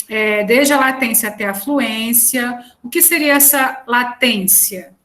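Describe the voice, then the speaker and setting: Woman, online lecturer, slightly high voice, chatty delivery with fillers. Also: fairly bright tone. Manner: conversational, frequent fillers and restarts.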